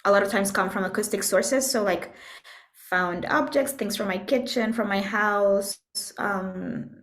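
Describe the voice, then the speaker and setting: A composer and musician from Puerto Rico, this woman speaks in a mid-range, slightly bright voice during a reflective interview, pausing as she thinks and hunting for the right phrase. A clear echo comes off the room around her.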